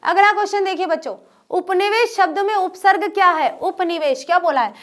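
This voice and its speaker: A woman's voice: extremely high pitch, a little fast. A woman teaching an exam-prep grammar lesson to students, asking questions and answering them herself and repeating the key terms.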